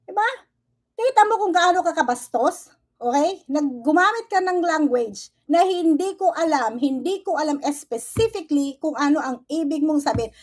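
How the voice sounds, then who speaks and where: A woman's voice: sits high, lively intonation, moderate pace, darkish tone. A woman vlogger delivering an angry reaction rant, switching between Tagalog and English and constantly prodding with "okay?" and "ha?". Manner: confrontational, keeps asking "okay?" and "ha?".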